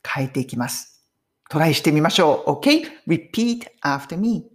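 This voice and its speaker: A chatty woman leads a relaxed English lesson, her voice swinging up and down with a lively, expressive lilt. She laughs often and slows down to spell out English sentences clearly. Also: low voice. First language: Japanese. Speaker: English teacher. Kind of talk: casual spoken English lesson.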